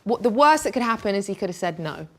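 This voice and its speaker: A young woman with a northern English accent, a guest telling stories in a blunt, animated way in casual interview chat. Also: medium pitch, fast talker. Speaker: guest singer-songwriter.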